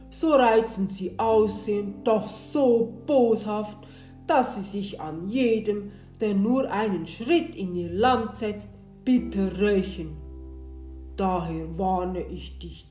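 A woman voicing a stern old giant shepherd father who gives a grave warning, in a roomy space with soft guitar behind. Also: mid-range voice, slow pace, close to an everyday voice.

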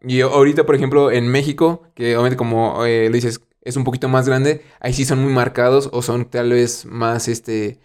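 A man with a Mexican accent hosting a podcast, asking long rambling questions in a relaxed, slangy way. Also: mid-range voice, moderate pace, few pauses, smooth. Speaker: podcast host. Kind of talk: casual chat.

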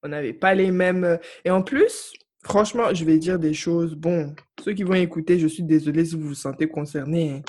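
A woman's voice: low-pitched, moderate pace, few pauses. A young woman from Africa chatting casually on a podcast, telling stories emphatically. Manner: emphatic, animated storytelling. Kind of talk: casual chat.

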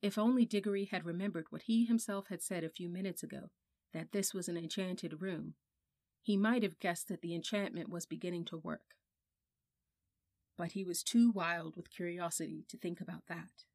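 A woman narrating a children's storybook in a measured, softly expressive way. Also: fairly low pitch, dry recording. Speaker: audiobook narrator.

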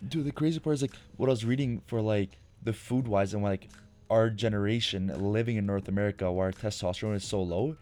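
Slangy, lower-voiced young man chatting. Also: brisk. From Albania. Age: young adult. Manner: crude, slangy and animated, acting out quoted people. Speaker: podcast co-host. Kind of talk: casual chat.

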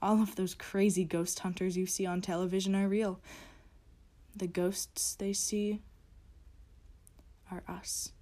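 A woman voicing a cold, menacing creature of the night, with loud threats that drop into hissing whispers. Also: mid-range voice, little pitch movement, slow pace, long pauses, natural voice. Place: closet.

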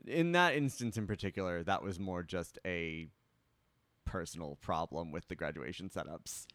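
A man's voice: deep voice, moderate pace, a bit bright, no room sound. A man co-hosting a podcast in casual chat, earnest and slightly formal, often correcting himself. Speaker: podcast co-host.

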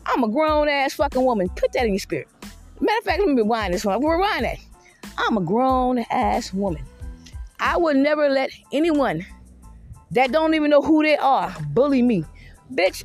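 A high-pitched woman in her fifties delivers a defiant, confrontational monologue. She is blunt and profane, with faint music in the background. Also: big pitch swings, normal speed. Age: 50s. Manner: frequent "you know what I mean" asides.

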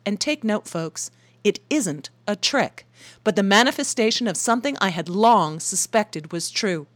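A woman hosting a short radio feature, telling her story as scripted narration in a wry, enthusiastic way. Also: fairly low pitch.

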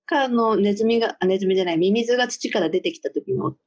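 A woman in relaxed casual chat with a friend, trying out odd sounds and laughing along. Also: mid-range voice, rapid-fire. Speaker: co-host. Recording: dull lo-fi recording.

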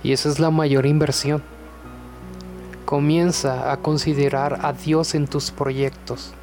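Slow, relaxed young man. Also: fairly high pitch, faint music behind. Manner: relaxed, chatty, with many fillers and joking asides. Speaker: podcast host.

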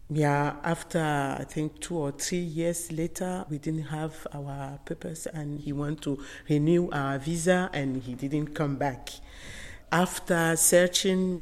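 Middle-aged woman, Togolese accent, unhurried and halting interviewee, lowish voice, long room reverb. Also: a little mellow. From Togo. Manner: halting, non-native English phrasing. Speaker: interviewed photographer. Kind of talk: personal recollection in an interview. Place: indoors in an exhibition gallery with long reverb.

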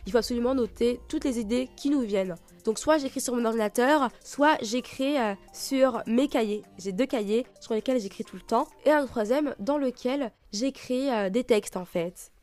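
A woman's voice: fairly high pitch, a little mellow. A woman hosting a personal podcast in monologue, answering questions, with a lisp that makes her s sound slushy. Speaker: podcast host. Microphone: own microphone with homemade pop filter.

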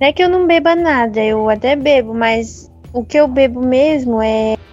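High-voiced chatty woman, dull sound. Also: moderate pace, darkish tone, soft background music. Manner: chatty, tags sentences with "né". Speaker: friend answering quiz questions. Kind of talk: casual chat.

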